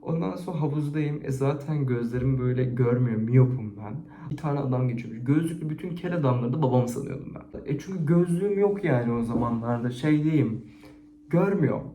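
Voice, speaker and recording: A man chatting casually to a camera, reading out embarrassing stories and rating them, expressive and chatty. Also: mid-range voice, fairly quick. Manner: chatty and expressive, with frequent laughter. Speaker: YouTuber reading viewers' stories. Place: indoors at home, set-up camera. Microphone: camera on a stand. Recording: echoey room.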